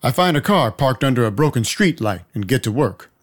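A male actor with a mid-range, sing-song voice plays a weary, wry vampire detective narrating his night in first-person noir. The scripted narration is dry, measured, and matter-of-fact.

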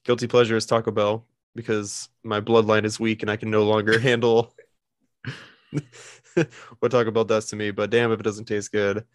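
Easygoing young man, low dry voice. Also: level tone, normal speed, no echo. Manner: easygoing, profane, hesitant with "uh". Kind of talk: casual chat.

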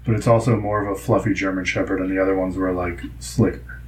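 A man's voice: deep voice, steady tone, quick pace, poor audio. A young man chatting casually, telling rambling stories full of fillers. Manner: rambling, filler-heavy storytelling. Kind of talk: casual chat.

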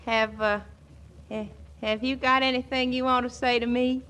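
An actress as a bright, high-voiced naive country girl. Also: flat delivery, normal speed, close to an everyday voice. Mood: shy, eager. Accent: rural American. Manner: gushing, folksy, hesitant. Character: naive, eager, lovestruck young country woman with folksy talk. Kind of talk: old-time comedy acting. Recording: noisy old comedy soundtrack.

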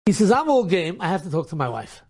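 A man's voice: high voice, fast talker, husky. A man, a rabbi, telling an inspirational story and acting out the dialogue with energy. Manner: animated, acts out dialogue in quotes.

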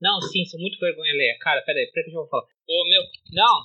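A woman's voice: deep voice, racing, sharp tone, dry recording, muffled recording. A woman co-hosting a casual podcast who talks bluntly, mocks freely and swears. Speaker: podcast co-host.

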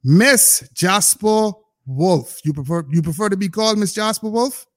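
A man hosting a podcast in a casual, playful chat, stretching out words for emphasis. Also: high voice. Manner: animated, playful, drawn-out emphasis. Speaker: podcast host.

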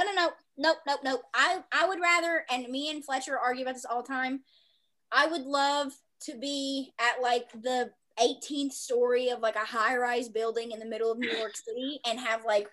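A woman with a high-pitched voice and a Southern American accent hosts a casual chat. She speaks emphatically, in loose, unguarded everyday phrasing. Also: fairly even intonation, moderate pace, fairly bright tone. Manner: emphatic, swearing freely. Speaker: host.

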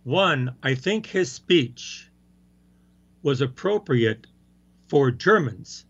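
A man's voice: medium pitch, animated, drawn-out words, fairly bright tone, slightly rough, lo-fi sound. A man in casual conversation about a film, stressing his opinions and repeating his key points. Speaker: co-host discussing a film. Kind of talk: casual chat.

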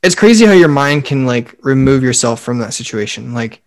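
A man's voice: mid-range voice, expressive, normal speed. A young man co-hosting a podcast, rambling casually with lots of filler words. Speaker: podcast co-host. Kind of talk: casual chat.

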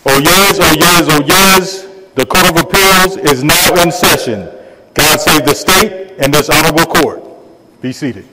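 A man delivers a ceremonial court cry in a raised, fairly high voice, stretching his words like a town crier. The recording is heavily noisy. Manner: loud, drawn-out, formal calling out like a town crier. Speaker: court marshal.

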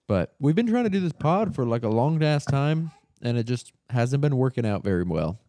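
A man's voice: medium pitch, big pitch swings, normal speed, dark tone, dry recording. A young man hosting a casual podcast from a couch at home, rambling and joking crudely. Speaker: podcast host. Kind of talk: casual chat. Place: living room couch.

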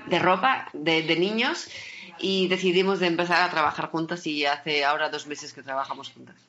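Female podcast guest, non-native, bright forceful voice, halting word searches, slightly dull recording. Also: low-pitched. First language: not Spanish. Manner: hesitant, searching for words in Spanish. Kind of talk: casual conversational interview.

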